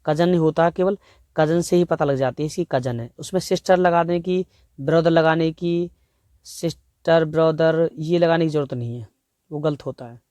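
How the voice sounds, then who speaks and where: A man with an Indian accent teaching an exam-prep grammar lesson, explaining step by step and reading example sentences slowly, word by word. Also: fairly high pitch, a little mellow, no room sound, clean studio sound.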